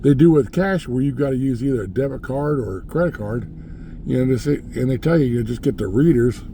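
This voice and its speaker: A middle-aged American man telling stories and ranting casually as he drives, in a meandering, folksy, opinionated way, with loud car noise. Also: medium pitch, animated, fairly quick. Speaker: vlogger. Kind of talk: casual rambling storytelling rant while driving. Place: inside a moving car.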